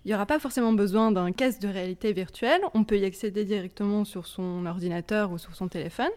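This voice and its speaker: A woman's voice: medium pitch, quick pace, a little mellow. A woman co-host presenting news items conversationally on a podcast.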